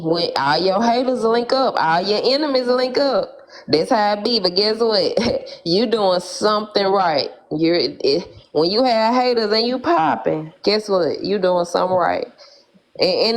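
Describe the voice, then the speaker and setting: A woman's voice: mid-range voice, expressive, a little slow. Preachy woman with a Memphis accent. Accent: Memphis Southern. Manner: preachy, emphatic, laughs often. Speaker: live stream guest. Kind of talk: casual live chat.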